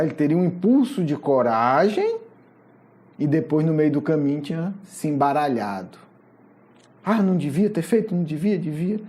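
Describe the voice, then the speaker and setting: Lively Brazilian Portuguese spiritist lecturer. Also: medium pitch. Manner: animated storytelling, often tagging lines with a questioning aside. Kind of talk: religious lecture retelling a Gospel story.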